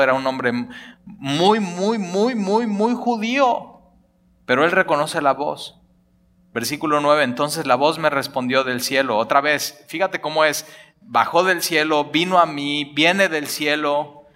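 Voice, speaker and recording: A man preaching a lively sermon, acting out dialogue in colloquial speech. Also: on the high side. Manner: animated, acts out dialogue, colloquial Mexican slang.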